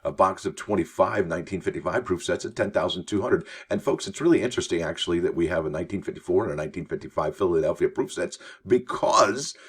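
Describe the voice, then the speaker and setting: A man's voice: low voice, fast, few pauses, breathy edge. A man hosting a coin news show, reading articles aloud with chatty, enthusiastic asides to his viewers. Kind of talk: casual news commentary.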